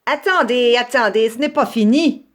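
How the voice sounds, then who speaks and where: A woman voicing a sly, hungry male fox who gloats over his prey with slow, drawn-out words. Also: fairly high pitch, a bit bright, pitched above the performer's own voice, lightly acted. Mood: gloating.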